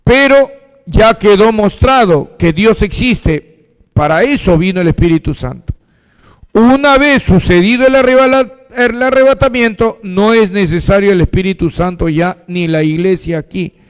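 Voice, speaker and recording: High-voiced preaching pastor in a reverberant hall. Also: male voice, unhurried, smooth. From Peru. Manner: asks the congregation questions and answers them himself. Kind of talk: sermon.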